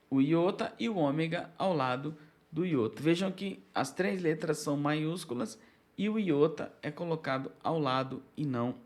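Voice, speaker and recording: Brazilian male teacher, slightly high-pitched, explains patiently and checks in often. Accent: Brazilian Portuguese. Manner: explanatory, with frequent check-ins and restarts. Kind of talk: recorded lecture on biblical Greek.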